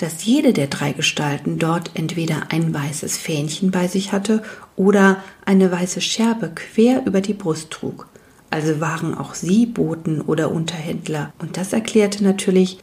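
A woman reading a fantasy storybook aloud as narrator, in a calm, even storytelling manner. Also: on the low side. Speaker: audiobook narrator.

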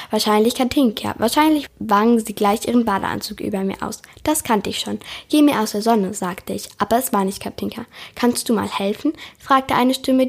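A woman's voice: a little high, creaky, slightly rough. A young woman introduces herself, then reads a passage from a novel aloud in a plain, careful way. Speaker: student reader. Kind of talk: reading a book passage aloud.

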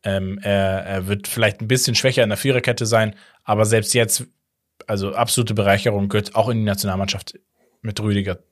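A young man co-hosting a casual football podcast in a relaxed, agreeable back-and-forth. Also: fairly low pitch, fairly quick, no echo, clean studio sound. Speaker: podcast co-host.

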